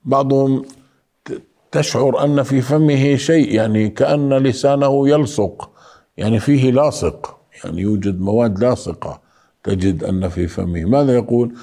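A man teaching Quran recitation rules, explaining slowly and calling his listeners beloved ones. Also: medium pitch, mellow. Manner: explains slowly, then chants verses in a drawn-out melody. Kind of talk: recitation lesson with chanted examples.

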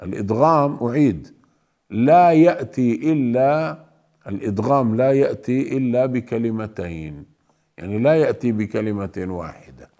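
A man teaching Quran recitation rules, speaking slowly and deliberately, drawing out the example words and repeating his points to his listeners. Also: mid-range voice, warm tone. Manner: addresses listeners fondly as beloved ones. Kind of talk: slow tajweed lesson with recited examples.

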